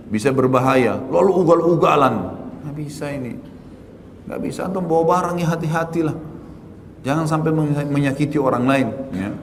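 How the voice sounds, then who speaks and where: Guy preaching to a crowd, kinda high voice, lots of hall echo. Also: slight background noise. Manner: addresses listeners directly, often tags "gitu kan"; lively, exclaims and rises sharply on key points. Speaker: Islamic preacher. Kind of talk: religious lecture to a congregation. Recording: long hall reverb, faint background ambience.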